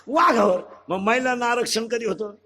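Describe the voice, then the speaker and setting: A man preaching a comic devotional kirtan sermon, loud and rhythmic, with joking asides and rapid-fire lists. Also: very high-pitched, a little hiss or hum.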